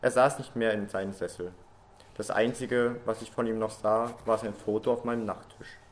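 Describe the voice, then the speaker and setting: Man narrating a sad story slowly. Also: lowish voice, fairly even intonation. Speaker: story reader. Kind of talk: emotional first-person story narration.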